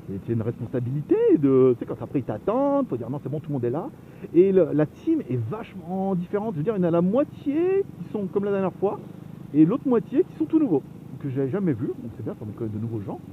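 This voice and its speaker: A man from France chatting casually as he rides a motorbike, rambling and laughing often, recorded on a helmet camera. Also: a little high. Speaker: motovlogger. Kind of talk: casual riding commentary. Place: on a motorbike on the open road. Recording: phone-like sound, loud wind noise.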